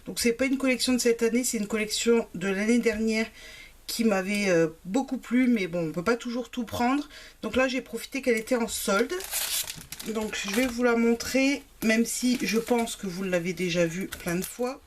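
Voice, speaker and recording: A craft vlogger from an Italian family background chats casually through a craft shopping haul, using frequent fillers. Her voice is a little high and her pace moderate, with slight background noise.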